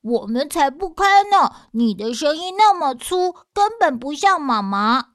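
A woman voicing a group of alert young children who refuse to open the door, high and insistent. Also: animated, moderate pace, sharp tone, no echo, clean studio sound, full character voice. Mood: defiant.

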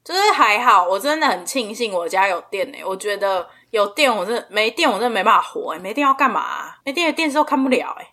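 Taiwanese girl just chatting on a podcast, bright voice w some rasp, giggly storyteller. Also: medium pitch, lively intonation, quick pace, few pauses. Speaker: podcast co-host. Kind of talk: casual chat, storytelling.

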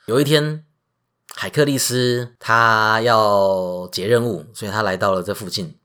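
A man with a Taiwanese Mandarin accent, hosting a podcast and retelling myths in a lively, joking way. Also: fairly low pitch, measured pace, smooth. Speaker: podcast host. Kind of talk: casual storytelling podcast.

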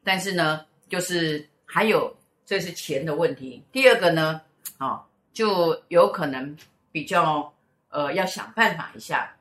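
With a deep voice and a measured pace, a middle-aged Taiwanese-accented woman who is a host and mother narrates a story during casual chat. She is an animated storyteller, voicing the quoted lines of each person, and the sound is roomy.

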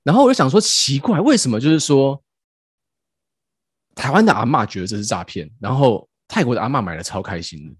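Animated man telling a story. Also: mid-range voice, a little fast, husky, dry recording, studio quality. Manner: animated, laughing, acts out quotes. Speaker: podcast host. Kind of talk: casual storytelling chat.

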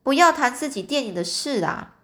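A woman's voice: high voice, sing-song, a little fast, bright, forceful tone, pitched above the performer's own voice, full character voice. A woman reading a storybook aloud, voicing a plain, honest middle-aged pawnbroker who sounds earnest and a little bewildered.

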